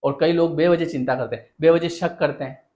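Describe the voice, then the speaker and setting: A man with a fairly high speaking voice gives an earnest motivational talk. He keeps asking rhetorical questions and speaks straight to his listeners. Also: fairly even intonation, a little fast, a little mellow.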